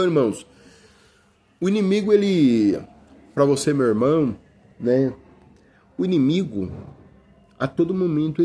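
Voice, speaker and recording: A man's voice: fairly high pitch, warm tone, slightly rough. A middle-aged Brazilian man preaching an informal sermon in a conversational way, often calling listeners brother, with many restarts. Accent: Brazilian Portuguese.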